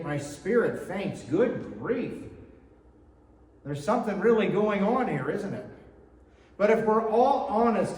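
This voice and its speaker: A high-pitched, darkish male voice preaches a sermon in a church, alternating scripture readings with relaxed, conversational comments. The recording is echoey, captured from far away in the sanctuary hall.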